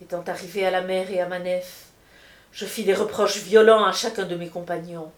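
Female audiobook reader for an epic: low-leaning, measured, solemn; room echo audible. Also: steady tone. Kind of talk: scripted narration of an epic. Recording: roomy echo.

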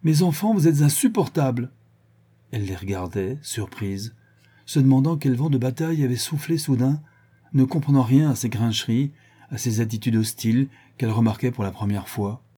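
A man narrating a novel in a measured, even storytelling voice. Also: mid-range voice, husky.

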